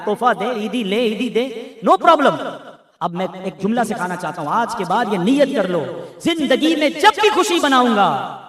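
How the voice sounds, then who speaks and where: A man's voice: sits high, a bit bright. A man giving an earnest religious talk, urging listeners and pressing emphatic questions. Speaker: preacher. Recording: echoey room, distant mic.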